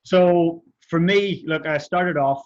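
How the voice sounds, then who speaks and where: A man's voice: on the high side, slow. Upbeat Northern Irish man, muffled call. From Northern Ireland. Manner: upbeat, affable. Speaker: guest, leadership coach. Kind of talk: casual interview chat.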